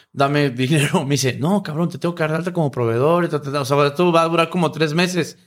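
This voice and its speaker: A middle-aged man with a Mexican accent, a guest in an interview, telling stories in casual, profane slang and acting out the people in them. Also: medium pitch. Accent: Mexican Spanish. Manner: profane slangy storyteller, acts out voices.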